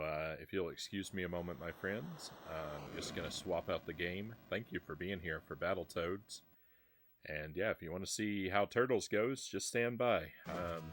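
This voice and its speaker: In a slightly bright-sounding recording, a man with a low voice talks with his live-stream viewers between retro games. His chat is casual, rambling and self-deprecating, full of restarted sentences, over faint background music.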